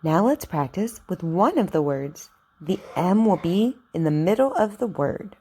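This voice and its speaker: A woman giving an instructional articulation drill, enunciating deliberately and encouraging the learner as she models sentences to repeat. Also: fairly low pitch, very animated, dark tone, slightly rough. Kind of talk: instructional drill, reading practice sentences for repetition.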